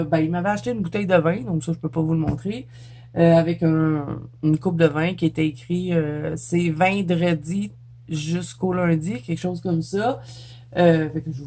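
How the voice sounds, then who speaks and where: A woman's voice: fairly low pitch, dark tone, a little hiss or hum. Chatty Quebec French woman, laughing often. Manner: chatty, laughs often, trips over words. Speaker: YouTuber. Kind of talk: casual show-and-tell vlog.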